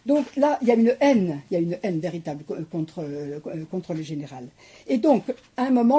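A woman's voice: a little high, mellow, slightly rough. A woman, a guest in a conversation, explaining a war novel and reading a passage aloud, hesitant with many fillers and restarts.

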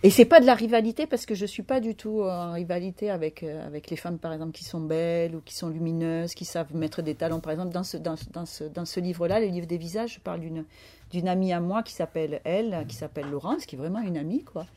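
A woman's voice: on the low side, quick pace, dark tone, slight background noise. A woman in her fifties speaking as an author in an interview, reflective and searching for her words. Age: 50s. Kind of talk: interview conversation.

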